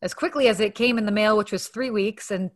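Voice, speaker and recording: A woman's voice: mid-range voice, brisk. A young woman hosting a casual interview, talking in a friendly, conversational way with plenty of fillers. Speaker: interview host.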